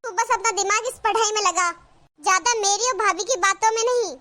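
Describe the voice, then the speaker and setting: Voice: very high-pitched, a little fast, sharp tone. A voice actor playing a sarcastic, complaining village mother-in-law in a cartoon. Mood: scolding. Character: nagging scolding village mother-in-law, middle-aged woman. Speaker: cartoon character. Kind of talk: cartoon voice acting.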